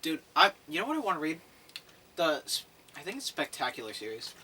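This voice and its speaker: A young man chatting casually on a podcast, his voice bright and forceful as he rambles excitably and swears in passing. He sits away from the mic, with a faint hiss underneath. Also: a little high, fairly quick. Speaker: podcast co-host. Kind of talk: casual chat. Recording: voice from a distance with faint background noise.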